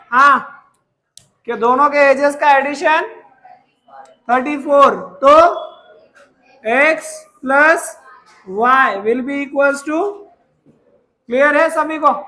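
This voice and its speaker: A man teaches a math class in a high voice and an unhurried delivery. He dictates each problem slowly, word by word, then stops often to check that every student is following. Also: bright, forceful tone, rough recording. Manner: keeps checking with students whether they understand.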